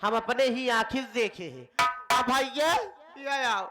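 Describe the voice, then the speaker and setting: A man playing a shrill pleading elder sister. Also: takes it slowly, over loud music. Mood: insistent. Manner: insistent, pleading. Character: anxious doting elder sister, middle-aged woman. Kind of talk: folk stage theatre.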